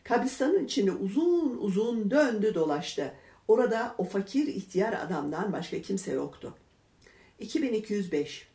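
A woman reading a religious story aloud in a measured, expressive way, voicing the lines of its characters. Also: medium pitch. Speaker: reader. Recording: echoey room.

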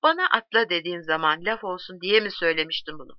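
A woman's voice: on the low side, quick pace, no echo, highs cut off, close to an everyday voice. A woman reading aloud, voicing a frightened young male soldier who pleads anxiously. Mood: pleading.

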